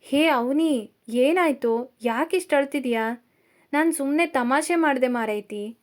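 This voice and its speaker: A playful young man who teases and soothes, as a woman narrator reads him. He coaxes in a gentle, quick manner in a storybook reading. The voice stays fairly high. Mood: soothing. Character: teasing, affectionate young male lecturer.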